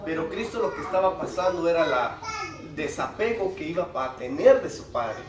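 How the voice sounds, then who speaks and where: A slightly high-voiced man preaches from a distance in a roomy church hall. He talks plainly to his brothers in the pews and lifts his voice when reading scripture, with the congregation audible around him. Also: animated, normal speed, crowd noise. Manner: reads Bible passages aloud with rising emphasis. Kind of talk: sermon. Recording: echoey hall from far off with congregation noise.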